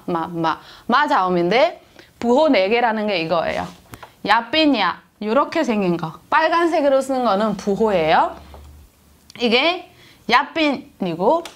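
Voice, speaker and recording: A woman teaching a language lesson, repeating each syllable slowly for drilling. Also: fairly high pitch.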